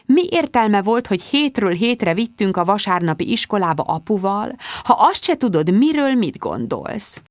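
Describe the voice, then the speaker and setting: Chirpy fussy mother voiced by a woman, high sing-song voice, lively swooping pitch, dry close sound. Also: dry recording, close to an everyday voice. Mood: scolding. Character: fussy chirpy middle-aged mother giving advice.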